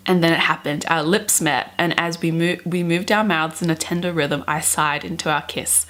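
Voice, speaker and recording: A woman in her twenties, a book vlogger, reads fan fiction aloud with drama and giggles, tossing in chatty, gushing asides. She speaks in a low, steady, slightly bright voice at a normal speed, indoors in her bedroom.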